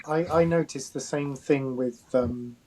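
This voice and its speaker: A man's voice: mid-range voice, measured pace, darkish tone, low-quality recording. A man hosting a casual talk, speaking hesitantly and thoughtfully. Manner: hesitant, thoughtful, many fillers. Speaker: host. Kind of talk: casual conversation.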